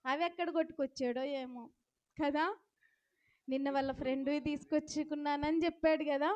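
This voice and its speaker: Hosting a children's puppet show, a woman talks playfully to the children and the puppet, instructive and often asking them questions. Her high voice is a little mellow, fairly quick with fairly even intonation, on dull audio.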